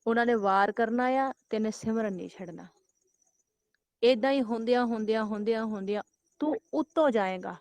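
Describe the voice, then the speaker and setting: A woman preacher giving a devotional sermon, slowly chanting scripture lines and repeating phrases with rising emphasis. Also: on the high side, darkish tone, dry recording. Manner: repetitive, rising emphatic exhortation. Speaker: Sikh preacher giving katha.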